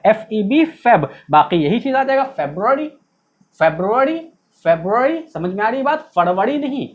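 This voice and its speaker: A woman with an Indian accent teaching a pronunciation class, spelling out words letter by letter and repeating them. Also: fairly high pitch. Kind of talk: classroom lesson. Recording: dull, slightly lo-fi recording.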